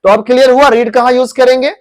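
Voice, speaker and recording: With a very high-pitched, steady-toned voice, a fast-speaking Indian-accented man teaches an English grammar class in a coaching classroom. He keeps repeating words and drilling pronunciation in Hindi blended with English.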